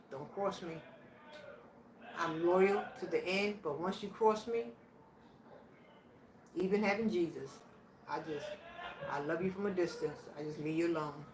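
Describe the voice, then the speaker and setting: In an echoey room with faint background noise, a sixty-something vlogger from Virginia, USA, answers challenge questions aloud from some distance away. Her voice is on the low side and steady, and her manner is plainspoken, slow and reflective.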